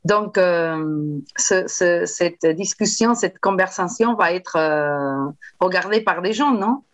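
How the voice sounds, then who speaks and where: A woman novelist talking in a casual interview, animated and digressive, with frequent restarts and fillers. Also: fairly low pitch, slow. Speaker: novelist guest.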